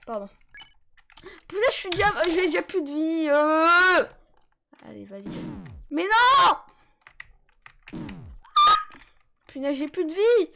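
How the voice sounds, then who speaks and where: A woman streaming a game live on a headset, chatting with viewers in a joking, excitable way with sudden yelps. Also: very high-pitched, moderate pace, pauses often. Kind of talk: casual live-stream chat while gaming.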